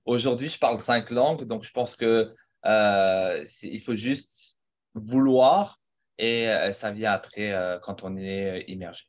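A man's voice: lowish voice, a little slow. A man on a video call, joking and telling anecdotes in a casual panel discussion. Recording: dull lo-fi call audio.

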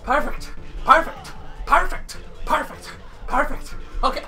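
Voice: sits high, unhurried, sharp tone, faint music behind. A gamer giving melodramatic trash-talking commentary while out of breath from exercising. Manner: melodramatic trash talk at the game. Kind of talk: let's play commentary.

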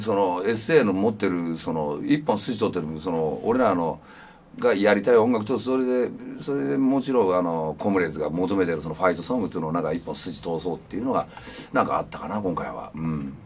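Male punk singer, 50s, lower pitch, animated and fast, reflective chat. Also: slight background noise. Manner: relaxed, reflective, many fillers. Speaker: punk band vocalist. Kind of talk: casual interview chat.

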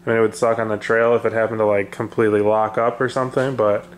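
A man casually chatting about his off-road gear, relaxed and rambling with lots of fillers. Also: on the low side, quick pace. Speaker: off-road video host. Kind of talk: casual garage chat. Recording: echoey room with faint noise.

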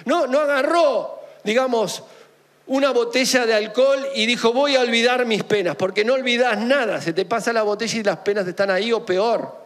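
Argentine male pastor, high-pitched, chatty sermon delivery, jokey asides. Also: moderate pace. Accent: Argentine Spanish. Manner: animated, jokey, full of asides and rhetorical questions. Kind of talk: conversational sermon.

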